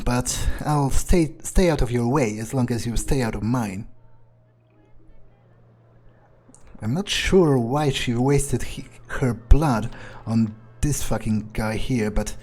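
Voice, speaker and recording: Here the gamer improvises as a disdainful, arrogant vampire talking to himself, his voice husky and warm at a medium pitch. The musings come out haltingly and laced with profanity while music plays behind him.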